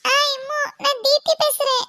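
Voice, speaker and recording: A performer voicing a frightened young girl in an animated cartoon, talking anxiously and pleading. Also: extremely high pitch, moderate pace, heavily acted. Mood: nervous. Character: frightened young girl after a road accident.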